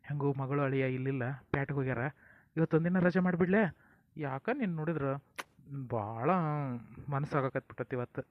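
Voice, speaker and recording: A man's voice: medium pitch, expressive, normal speed, pauses often, dry recording. Male comic actor, North Karnataka accent, folksy and scolding in a home skit, dull dry sound. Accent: North Karnataka Kannada. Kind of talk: family comedy skit acting.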